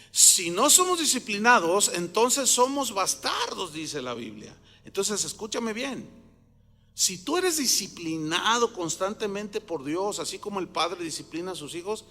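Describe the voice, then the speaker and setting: A man's voice: high-pitched, pushed and bright, big-room sound. A man preaching a sermon with emphasis, often putting questions to the congregation. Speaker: pastor.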